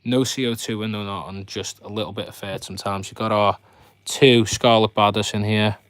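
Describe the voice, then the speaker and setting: The host of a fishkeeping live stream chats casually with viewers, rambling as he shows his fish tanks and addressing them directly. His voice is on the low side, steady and a bit bright, and brisk. The audio is studio quality with no echo.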